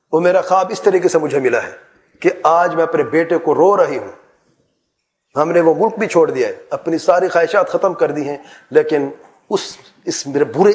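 Man, middle-aged preacher, earnest advising sermon, slightly high voice, rhetorical questions. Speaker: Islamic preacher.

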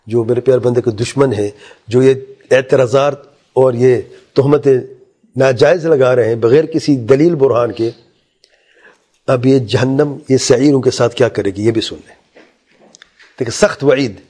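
A man's voice: medium pitch, long pauses, warm tone, breathy edge. A man teaching a Quran exegesis lesson. He recites Arabic verses in a raised chant, explains them plainly, and asks his listeners rhetorical questions.

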